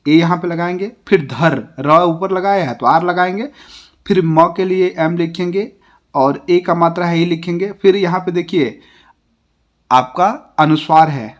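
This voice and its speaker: Patient Indian male teacher spelling aloud. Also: fairly high pitch. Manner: spells words out letter by letter, slow and patient; ends each example with a falling tone. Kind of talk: classroom lesson.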